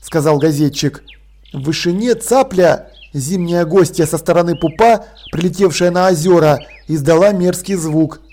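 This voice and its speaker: High-pitched guy narrating an audiobook, dry and deadpan, steady. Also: normal speed. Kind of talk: scripted narration.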